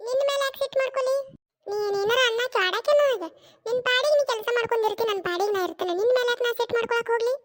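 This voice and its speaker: Very high and a bit bright, this cartoon voice belongs to an obstinate elderly mother-in-law who scolds in a North Karnataka Kannada accent. Her retorts are stretched out and drawn long.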